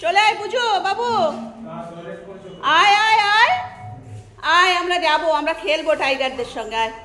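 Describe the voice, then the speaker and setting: High sing-song woman coaxing her dogs. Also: big pitch swings, fast, pushed and bright, in a large hall. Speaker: dog owner filming her pet. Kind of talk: casual talk to dogs. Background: dogs barking.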